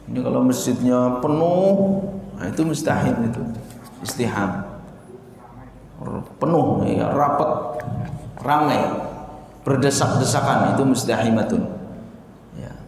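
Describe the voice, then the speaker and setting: A man with an Indonesian accent teaching an Arabic class in a religious study session, speaking slowly and repeating words to drill them. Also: mid-range voice, lively intonation, vocal fry, darkish tone. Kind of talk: religious language lesson. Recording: echoey hall with faint noise.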